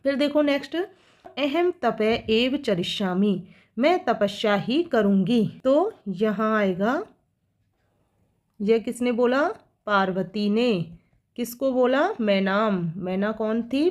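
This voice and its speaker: A woman teacher, speaking, works through textbook exercises for children, reading each line slowly and then explaining it. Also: on the high side, animated, a little mellow. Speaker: school teacher.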